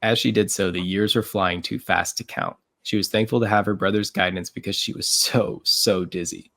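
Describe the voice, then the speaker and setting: Low, gravelly male narrator. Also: moderate pace, no room sound, clean studio sound. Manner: even reading, occasional slips and laughs. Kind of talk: storybook narration, fan voice-acting read-through.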